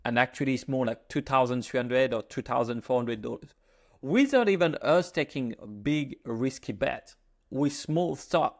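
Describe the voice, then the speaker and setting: A man from France with a French accent, talking to camera in a casual, joking monologue with self-mocking asides. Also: a little high. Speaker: finance YouTuber.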